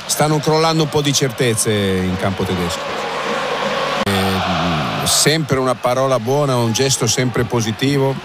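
A man with a mid-pitched voice analyses a football match live on the radio. He speaks haltingly, repeating words for emphasis, against very loud stadium noise. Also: animated.

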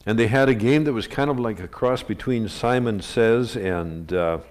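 A man preaching a sermon in a church, retelling scripture in a relaxed, conversational way with small asides and chuckles. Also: fairly low pitch, normal speed. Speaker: pastor. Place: church sanctuary. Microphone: livestream recording of a live service.

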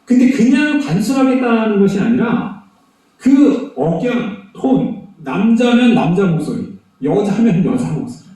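A man preaching a children's Sunday sermon, telling stories in an animated, emphatic way with lots of repetition. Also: high-pitched, unhurried. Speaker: pastor. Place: church sanctuary. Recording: very echoey church from far off.

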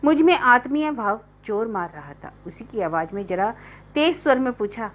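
A woman reading a literary short story aloud as audiobook narration, in steady first-person storytelling. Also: on the high side, normal speed. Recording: dull lo-fi recording.

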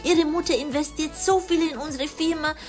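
A woman's voice: high-pitched, steady tone, moderate pace, soft background music, natural voice. A woman voicing a scheming, meddling middle-aged mother in a storytelling doll game. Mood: pleading.

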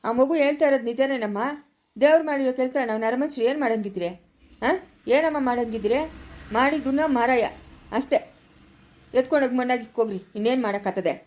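A woman's voice: a little high, fast, pauses often, darkish tone, natural voice. A woman playing a stern, dismissive male village healer, speaking blunt in an amateur village drama. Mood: grim. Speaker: village pandit in a home-made drama.

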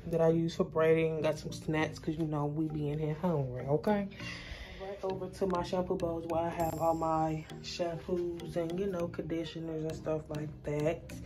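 A young woman who owns a salon suite, casually walking viewers through her small indoor space on a handheld phone and chatting to them as y'all. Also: sits low. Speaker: salon suite owner and braider. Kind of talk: casual walkthrough tour. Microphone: handheld phone camera. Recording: music playing behind the voice.

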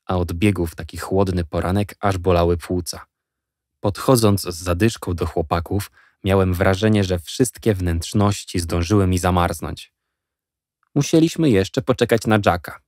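A man narrating an audiobook in a measured, expressive storytelling manner. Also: low-pitched, no room sound, clean studio sound. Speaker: audiobook reader. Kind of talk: scripted narration. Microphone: studio mic, close.

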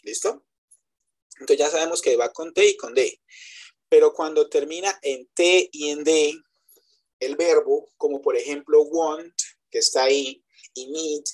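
Male English teacher, web lecture, husky tone, patient step-by-step explainer, switches between Spanish and English examples. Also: a little high, measured pace, long pauses, darkish tone. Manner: explains step by step, keeps checking with students. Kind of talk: online class lecture. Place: web conference.

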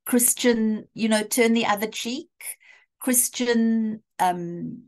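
A woman's voice: a little high, darkish tone. A woman literature lecturer giving a talk over a video call, reading and acting out passages of a play in between her explanations. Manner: slow, deliberate, acts out quoted lines. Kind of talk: lecture with dramatic readings of Shakespeare.

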